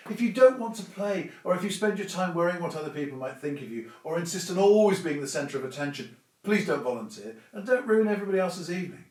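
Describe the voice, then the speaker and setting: A man with a fairly high voice talks informally and instructively, like a presenter giving practical advice. His delivery is conversational but emphatic. The recording is echoey, with the microphone some way off. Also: expressive, fast talker, darkish tone. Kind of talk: informal explanatory talk to camera or audience. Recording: echoey room, distant microphone.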